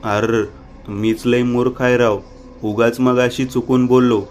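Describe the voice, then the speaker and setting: Man voicing rustic village friend, flat delivery. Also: medium pitch, a little slow, lightly acted.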